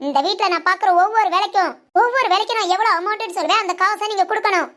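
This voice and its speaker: A woman doing a defiant, sharp-tongued young wife. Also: very high voice, very fast. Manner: defiant, firm, talks back. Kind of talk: animated family cartoon dub.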